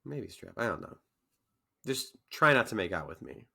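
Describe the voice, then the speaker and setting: Deep-voiced sick young man joking. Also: big pitch swings, moderate pace, vocal fry, sharp tone, husky. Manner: joking, teasing. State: sick, phlegmy cough. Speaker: podcast co-host. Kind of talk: casual banter.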